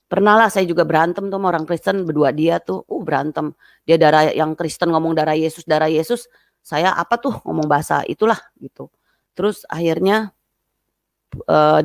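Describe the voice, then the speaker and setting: A woman telling a personal testimony as a guest, lively and acting out the voices of people she quotes. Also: creaky, no room sound, clean studio sound. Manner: lively, acts out quoted voices in a high pitch.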